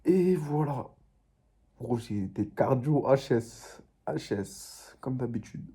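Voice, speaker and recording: A man's voice: mid-range voice, expressive, slow pace, mellow, husky. A young man vlogging casually in French suburban street slang with an urban street accent, talking to viewers like mates. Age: young adult. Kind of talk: casual travel vlog. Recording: noisy handheld vlog with ambient vehicle noise.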